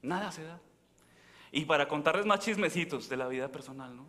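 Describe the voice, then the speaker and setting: Speaking a little fast, this priest has a fairly high, bright, forceful voice with lively intonation. He preaches conversationally in a large church, telling stories and questioning the congregation, all under long church reverb.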